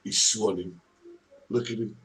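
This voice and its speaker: A man's voice: lowish voice, fairly even intonation, a little slow, bright, forceful tone. A middle-aged man co-hosting a casual live-stream chat, joking and reading out viewer comments. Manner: chatty, jokey, reads out viewer comments. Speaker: co-host of a live social media chat. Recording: distant mic with faint background noise.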